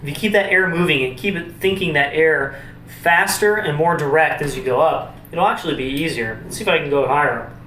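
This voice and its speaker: Guy with a lightish higher voice explaining brass warmups, informal, echoey room, kinda far from the mic. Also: a little fast. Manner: informal, explanatory, thinking aloud. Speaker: brass instrument teacher demonstrating warmup exercises. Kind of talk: casual instructional talk to camera. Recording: roomy, distant mic with faint noise.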